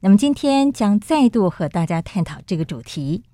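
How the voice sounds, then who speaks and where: A woman's voice: medium pitch, big pitch swings, moderate pace, warm tone, no room sound, clean studio sound. Muffled Taiwanese woman hosting through a face mask. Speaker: radio program host. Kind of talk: scripted radio introduction and interview hosting. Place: radio studio.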